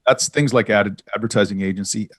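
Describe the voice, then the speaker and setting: A man's voice: on the low side, brisk, a bit bright, no echo, studio quality. A man answering questions from prospective students at a virtual open house. His computer microphone keeps cutting in and out, so his words are chopped off, and he often restarts sentences mid-phrase. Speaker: program director presenting to prospective students. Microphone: computer microphone on a video call.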